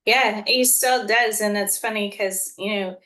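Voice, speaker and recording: A woman's voice: mid-range voice, fairly even intonation, a little slow, sharp tone. A woman speaking as a parent guest in a casual conversation, earnest and full of fillers.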